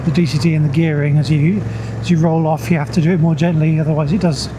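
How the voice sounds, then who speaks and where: A man's voice: on the high side, little pitch movement, fast talker. A man giving casual, understated motovlog commentary as he rides a motorcycle, musing aloud into a helmet microphone. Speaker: motorcycle reviewer. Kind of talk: casual spoken motovlog commentary while riding. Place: outdoors, riding a motorcycle on the road. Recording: noisy outdoor ride, engine and road noise.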